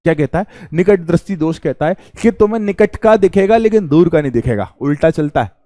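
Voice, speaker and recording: A young male teacher giving a calm, chatty lecture, often asking a question and answering it himself. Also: on the high side, a little fast, dry recording, studio quality. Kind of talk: classroom lecture.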